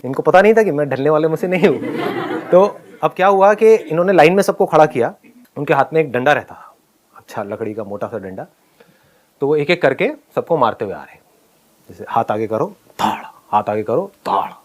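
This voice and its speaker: A male motivational speaker tells a humorous personal story in a somewhat high-pitched voice. His delivery is animated and lively, and he laughs often along the way. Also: brisk.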